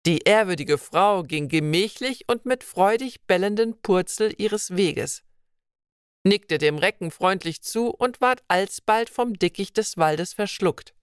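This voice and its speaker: A woman narrating a fairy tale in a calm, measured storybook reading. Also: medium pitch, clean tone, no echo, clean studio sound.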